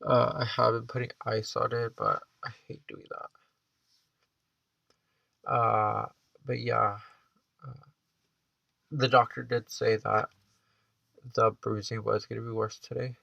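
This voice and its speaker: A man's voice: mid-range voice, flat delivery, slow pace, gravelly, pauses often, pushed and bright, no room sound, dull audio. A 21-year-old man chatting casually in a vlog, rambling and hesitant, with the stuffed-up nasal sound of a blocked nose. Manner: hesitant and rambling, heavy use of "like". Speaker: vlogger.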